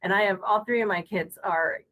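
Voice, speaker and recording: A woman's voice: mid-range voice, a little fast, fairly bright tone, poor audio. A middle-aged woman speaking as a podcast guest on school technology, earnest and casual, full of fillers and restarts.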